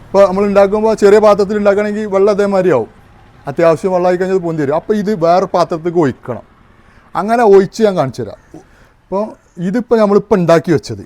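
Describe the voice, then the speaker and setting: A man's voice: sits high, a little mellow. A man giving a casual hands-on demonstration, explaining each step and checking that the listener understands. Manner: explains step by step, keeps asking if you understand. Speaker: home arrowroot powder maker demonstrating.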